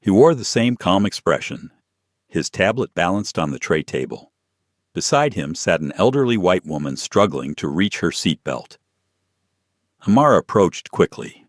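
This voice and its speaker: A man's voice: low-pitched, big pitch swings, normal speed, dry recording, studio quality. A man narrating a tense, dramatic story.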